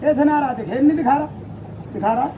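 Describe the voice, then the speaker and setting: A man's voice: extremely high pitch, brisk. A man performing a rowdy, teasing comic street show for a crowd, switching between the voices of his characters. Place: outdoors on a busy street. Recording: noisy outdoor crowd recording.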